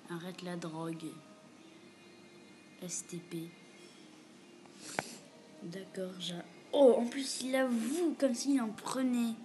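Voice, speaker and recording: A woman casually chatting with a chatbot on camera at home, reading its replies aloud and often dropping to a quiet, half-whispered mutter. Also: fairly high pitch, animated, slow pace, long pauses, over music. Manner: reads the bot's replies aloud and answers them. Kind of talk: casual gaming commentary. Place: room at home with a door.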